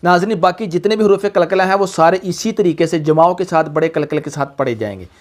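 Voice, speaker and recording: A man's voice: high-pitched, fast. A man teaching Quran recitation, patiently calling the student "son" and stretching out each syllable in repeat-after-me drills. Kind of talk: tajweed lesson with call-and-repeat drills.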